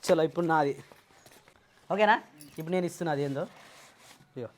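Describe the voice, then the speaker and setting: A woman briskly giving clues and instructions in a casual family game. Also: deep voice. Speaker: game clue giver.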